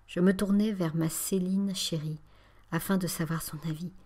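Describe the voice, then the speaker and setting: A woman narrating a spiritual memoir as an audiobook, in a calm, measured and often breathy reading. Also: lowish voice.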